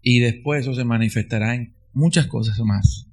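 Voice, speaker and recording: A man's voice: medium pitch, moderate pace, a little mellow. A man preaching a sermon, earnest and emphatic, repeating key phrases for stress.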